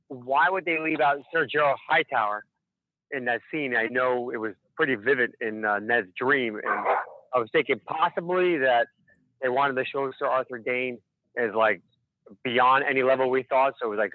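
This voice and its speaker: A man's voice comes through a narrow, muffled phone connection, dry and at medium pitch. He is a caller chatting casually. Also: no room sound. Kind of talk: casual call-in chat.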